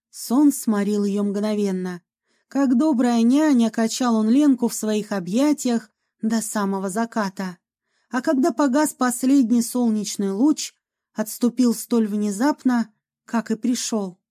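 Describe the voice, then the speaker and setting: Woman narrator, audiobook, mellow, fairly high voice, calm.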